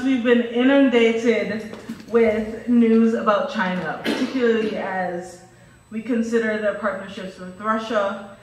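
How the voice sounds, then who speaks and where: A woman's voice: mid-range voice, fairly bright tone, recorded from a distance. Woman lecturing in an echoey hall. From Guyana, raised in Jamaica. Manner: reads steadily from prepared remarks, listing items one by one. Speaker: researcher giving a lecture. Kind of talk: prepared lecture. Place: lecture hall with a stage and screen. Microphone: podium mic, far camera.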